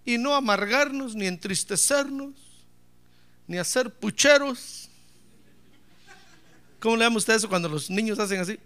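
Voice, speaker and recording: A man's voice: sits high, animated, moderate pace, long pauses, sharp tone, clear, resonant tone. A man preaching a sermon as pastor, emphatic, calling on the congregation to answer back and slipping in joking asides.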